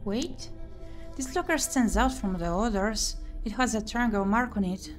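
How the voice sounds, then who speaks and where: With a mid-range voice and a measured pace, a woman plays through a visual novel on stream. She reads the game's text aloud with expression and mutters short asides to herself while music plays in the background.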